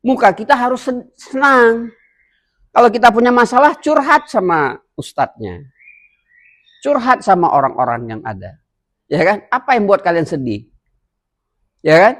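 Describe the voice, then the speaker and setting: Lively ustaz teaching children. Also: male voice, high voice, unhurried, pauses often. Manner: animated, quizzes his young listeners with questions. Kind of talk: children's religious lesson.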